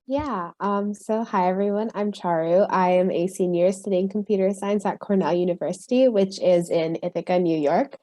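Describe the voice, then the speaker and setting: A woman's voice: mid-range voice, normal speed, hardly any pauses, mellow. A woman in her twenties from California, speaking on a video call panel as a student, hesitant with many ums. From California, USA. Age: 20s. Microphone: video call mic.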